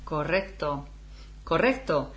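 A woman's voice: low voice, lively intonation, slow. A woman, teaching a casual lesson and chatting as she goes. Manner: chatty, laughs often, switches between Spanish and English. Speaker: Spanish teacher.

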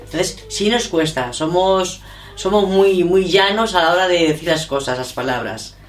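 Her voice on the low side and her speed normal, a middle-aged woman learning English talks casually as an interviewee. She's hesitant, correcting herself and thinking out loud, recorded in a roomy, echoing room.

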